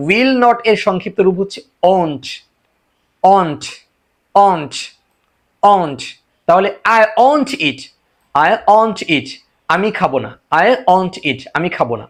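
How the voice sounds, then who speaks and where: Male English teacher, Bengali speaker, a touch high in pitch, slow patient drills of short sentences. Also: animated. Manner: repeats example sentences slowly, switching between English and Bengali. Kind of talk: spoken English lesson.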